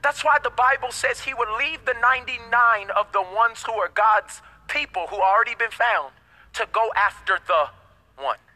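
A man's voice: extremely high pitch, normal speed, pushed and bright, rough recording. A man preaching a sermon as pastor, emphatic, with call-and-response and casual slangy asides.

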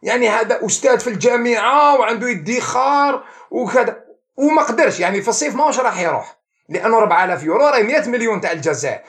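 A man's voice: extremely high pitch, rapid-fire. An Algerian man, an economics professor, explaining things as the guest of an interview, mixing in French and English words. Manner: animated, mixes French and English terms.

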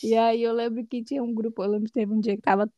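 A woman guest on a podcast tells her stories in an easy, chatty way, laughing often as she goes. Her voice sits a little high for a woman, and the sound is dry, with no room echo. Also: fast, highs cut off. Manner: lively, laughs often while telling stories. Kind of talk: casual conversational storytelling.

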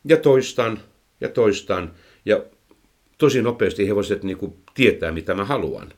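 Male horse trainer, lowish register, chatty explainer, filler-heavy delivery. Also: animated, darkish tone. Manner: explains at length, many "tota" fillers and repeated words. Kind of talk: casual explanatory chat. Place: indoors, recorded for a microphone.

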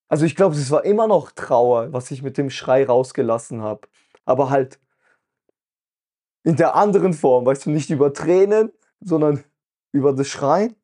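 Husky-voiced man telling a personal story. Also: a little high, warm tone. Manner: earnest, emotional, full of "weißt du" fillers. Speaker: podcast host.

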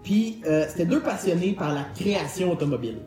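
A man's voice: high-pitched, expressive, brisk, dark tone. A man with a Québécois French accent chatting and telling stories as a podcast host, in a joking, colloquial way. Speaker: podcast host presenting a car segment. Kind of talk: casual chat and storytelling. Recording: roomy echo, music underneath.

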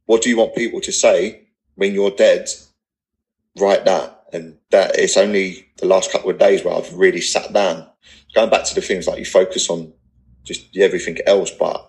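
A male podcast guest in his thirties who owns a personal training business speaks in a low voice with an everyday, non-posh English accent. In this candid, casual interview he's earnest and blunt, rambling loosely and swearing. The recording is rough.

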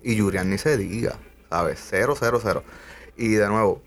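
A young man hosts a podcast in a casual, earnest conversational style, scattering swear words throughout. His voice is fairly low-pitched and he talks at a normal speed.

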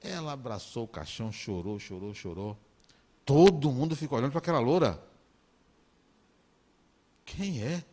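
A man with a Brazilian Portuguese accent, giving a talk in an animated, conversational storytelling way. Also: medium pitch, moderate pace, pauses often. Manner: animated, conversational, acts out dialogue.

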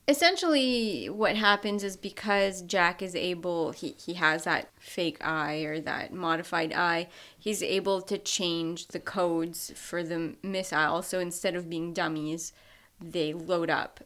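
A woman's voice: lowish voice, steady tone, measured pace, a bit bright. A woman co-hosting a podcast, recapping a film plot in casual chat with wry asides. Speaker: podcast co-host.

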